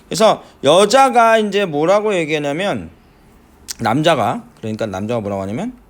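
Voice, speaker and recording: A middle-aged man teaching an English listening lesson, breaking down phrases slowly with many fillers and frequent checks that students follow. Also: fairly high pitch, animated. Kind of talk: classroom lecture explaining pronunciation.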